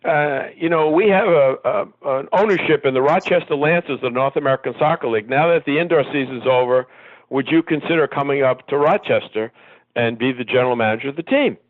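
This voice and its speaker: A man imitating a gruff older male team owner with a New York accent, brusque and fatherly. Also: medium pitch, brisk, no echo, pitched above the performer's own voice, close to an everyday voice. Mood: encouraging. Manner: brusque, fatherly, calls him kid. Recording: tinny phone line.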